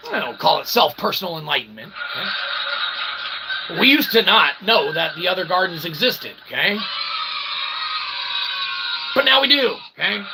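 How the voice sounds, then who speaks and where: Heavy background noise surrounds a man with a slightly high voice. He hosts his own channel as an independent author and developer, wandering through a philosophical monologue in wordy, mock-formal, old-fashioned phrasing while constantly checking in with "okay?".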